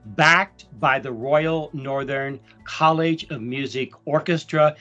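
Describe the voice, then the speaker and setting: A man's voice: medium pitch, slow, bright, forceful tone, highs cut off, soft background music. A man co-hosting a podcast over a video call, asking the guest questions in a playful, joking way. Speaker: podcast co-host. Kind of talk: casual interview questioning.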